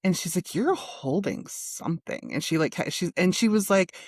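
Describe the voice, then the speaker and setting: A woman's voice: brisk, no room sound, clean studio sound. A woman hosting a casual podcast interview, telling her own experience and quoting herself and others. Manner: expressive, lively pitch, quotes herself. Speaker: podcast host.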